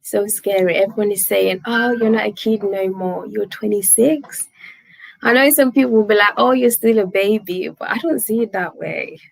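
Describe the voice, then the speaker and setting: Chatty woman with a gravelly voice. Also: medium pitch, normal speed, no echo, poor audio. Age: 20s. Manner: chatty, laughs often, thanks viewers by name. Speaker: livestream host. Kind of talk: casual live chat reading viewer comments.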